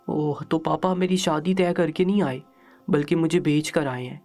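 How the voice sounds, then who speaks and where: A man's voice: fairly high pitch, a little mellow, faint music behind, natural voice. A man voicing a hurt, tearful young daughter in a storybook reading, with a pained, pleading delivery.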